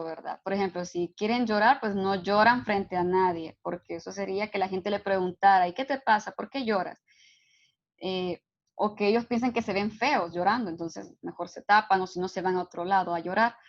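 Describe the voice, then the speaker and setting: A psychology instructor gives an online lecture in a mid-range voice, explaining steadily and often checking understanding with tag questions. The sound is lo-fi.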